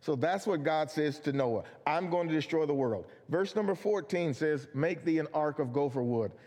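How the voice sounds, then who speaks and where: A man's voice: a little high, moderate pace, darkish tone. A man preaching a Bible study sermon, earnest and emphatic, asking questions and answering them himself. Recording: long hall reverb.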